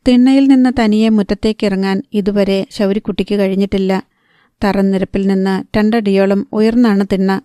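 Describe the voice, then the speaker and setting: A woman narrating a novel as an audiobook, calm and steady, on a close microphone. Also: mid-range voice, moderate pace, smooth, no echo.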